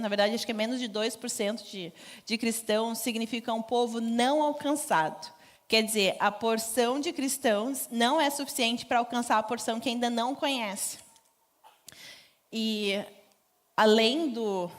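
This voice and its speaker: A woman giving a conversational church mission talk, informal and laughing often. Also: a little high. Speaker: missionary speaker. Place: church stage.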